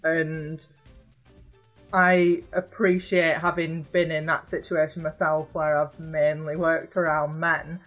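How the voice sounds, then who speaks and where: Woman podcast co-host, lowish voice, earnest casual chat, faint music behind. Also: flat delivery, slow, fairly bright tone, rough recording.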